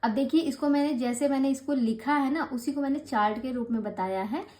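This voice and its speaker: A woman teaching an online grammar class, patient and encouraging, slowing down to spell out each rule. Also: high voice, darkish tone. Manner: encouraging, patient explaining, slows to spell out rules.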